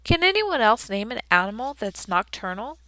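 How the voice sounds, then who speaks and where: Stern older schoolteacher, soft-spoken and measured, a touch high voiced by a woman reader. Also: sing-song, no echo. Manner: quiet, measured, no-nonsense. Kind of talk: audiobook character reading.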